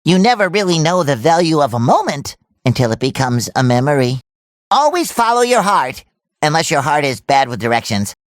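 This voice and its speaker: High squeaky SpongeBob-style cartoon sponge. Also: male voice, very animated, moderate pace, no room sound, studio quality. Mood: musing. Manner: childlike, exaggerated, eager delivery. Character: cheerful, naive, excitable young male cartoon sea sponge. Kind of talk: cartoon video game voice lines.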